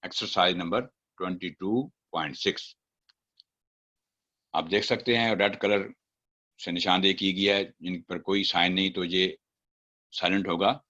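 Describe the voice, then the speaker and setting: A man's voice: low voice, steady tone, slow, long pauses, pushed and bright, dull audio. A man teaching Quran recitation, chanting example words syllable by syllable and then explaining the rules. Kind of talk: step-by-step recitation lesson.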